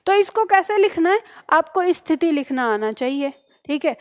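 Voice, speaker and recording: High-voiced woman teaching spelling. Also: animated, normal speed, a little mellow. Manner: explains step by step, often checking with "ठीक है?"; asks questions and answers them herself. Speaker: Hindi teacher. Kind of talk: spelling lesson for exam students.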